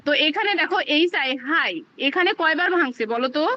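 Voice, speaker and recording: A woman's voice: sits high, fast talker, bright, forceful tone, dull audio. A woman teaching a live online class, explaining step by step with plenty of fillers. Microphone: video call.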